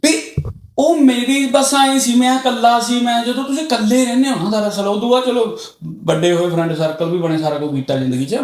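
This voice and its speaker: A middle-aged man from Punjab, a podcast guest telling stories candidly and getting loud and excited as he talks. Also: extremely high pitch. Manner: loud and excitable when talking. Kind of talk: candid conversational storytelling. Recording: roomy echoey room.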